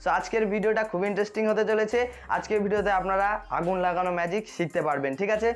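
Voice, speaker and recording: Fast-talking host of a magic tutorial. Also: medium pitch, fairly even intonation, soft background music. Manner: addresses viewers directly, repeatedly checks they follow. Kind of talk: magic tutorial to camera, explanatory.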